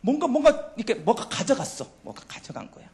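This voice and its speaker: A man's voice: very high-pitched, big pitch swings, fairly quick, gravelly, a little mellow. A middle-aged man preaching a youth worship sermon, who keeps asking the congregation questions and answering them himself. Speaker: pastor.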